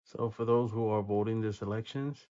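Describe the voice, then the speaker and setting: A man hosting his own channel, giving measured commentary and reading out statistics with frequent filler pauses. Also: on the low side, fairly even intonation, mellow, muffled recording. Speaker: video host.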